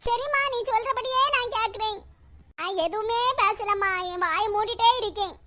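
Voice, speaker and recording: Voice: very high voice, normal speed, bright, forceful tone. A performer voicing a weepy, self-pitying elderly mother-in-law in a cartoon, speaking with a Kanyakumari Tamil accent in a wailing, martyred way. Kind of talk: cartoon voice acting.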